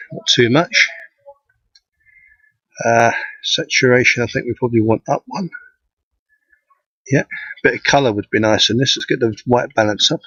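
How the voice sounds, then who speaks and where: A man, an amateur astronomer, gives a live how-to commentary outdoors, thinking aloud as he works, his voice thin and tinny with no bass. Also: pushed and bright, no echo. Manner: thinking aloud while working. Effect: thin tinny sound with no bass. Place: outdoors at night. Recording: dull lo-fi outdoor recording.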